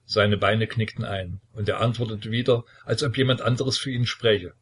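A man narrating an audiobook in a measured, dramatic reading style with a husky voice. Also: fairly low pitch, steady tone, fairly bright tone.

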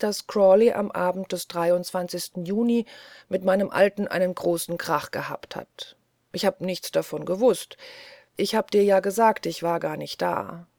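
A woman reading the lines of an old, fussy British colonel in an audiobook, earnest and softly pleading. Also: mid-range voice, dry recording, studio quality, close to an everyday voice. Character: elderly male British colonel, gentle, fussy.

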